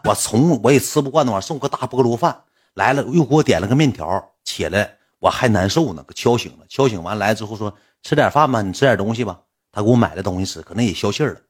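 Man, Northeastern Mandarin accent, casual storyteller, husky voice, rapid-fire, repeats himself. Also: lowish voice. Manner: colloquial, repetitive, animated retelling.

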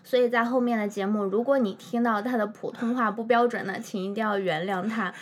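A woman's voice: fairly high pitch, fairly even intonation, a little fast, a little hiss or hum. A woman hosting a podcast in casual chat, playfully prompting her partner along. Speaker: podcast host. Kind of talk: casual chat, introducing the show.

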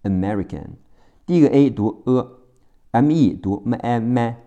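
Man, English phonics teacher, unhurried, dark tone, word-by-word repetition. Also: mid-range voice, animated, dull audio. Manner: spells words letter by letter and repeats each word slowly. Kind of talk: phonics vocabulary lesson.

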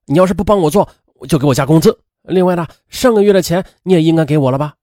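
A man's voice: on the high side, quick pace, mellow, dry recording, studio quality, voice pushed up, natural voice. Man voicing a tired, put-upon nanny woman. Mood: fed-up. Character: weary, aggrieved female live-in nanny.

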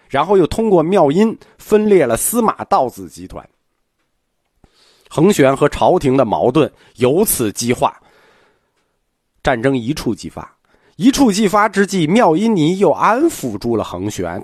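Man lecturing seated, lively pitch. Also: no room sound, clean studio sound. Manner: swings between loud-fast and soft-slow delivery; speaking seated, softer and slower today. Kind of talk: history lecture.

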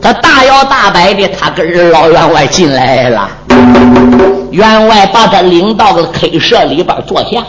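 Male traditional storyteller, high and animated, with music behind the narration. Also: unhurried, low-quality recording. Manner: lively, half-sung, dramatic.

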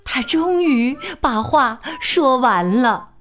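Slow, high-voiced woman storyteller. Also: faint music behind. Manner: slow, expressive and sing-song. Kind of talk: children's picture-book read-aloud.

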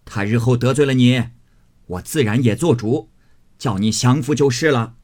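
A man voicing a stern, scornful old matriarch who scolds and commands her grandson, in a husky voice. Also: medium pitch, normal speed, a little mellow, voice pushed up, close to an everyday voice. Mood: teasing.

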